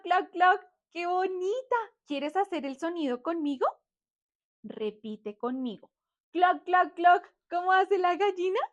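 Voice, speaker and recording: A young woman teaching small children in a cheerful, exaggerated sing-song manner, and sometimes imitating animal sounds. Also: high-pitched.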